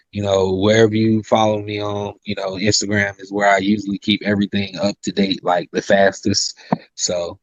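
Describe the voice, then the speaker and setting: Recorded with no echo and the highs cut off, a rapper and singer from South Carolina, in his 30s, gives a casual, polite interview peppered with "you know." He describes his own voice as high-pitched.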